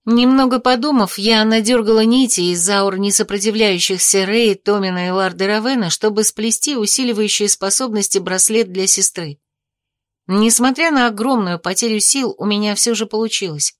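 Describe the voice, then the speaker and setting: A woman narrating a first-person audiobook in a steady, even reading voice. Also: mid-range voice, normal speed, no echo, studio quality.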